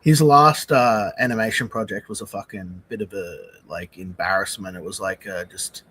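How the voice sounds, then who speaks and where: A man's voice: on the low side, steady tone, moderate pace, a bit bright. A man chatting casually as a guest on a live show, rambling with lots of "like" and some swearing. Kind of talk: casual chat. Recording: faint background noise, room ambience.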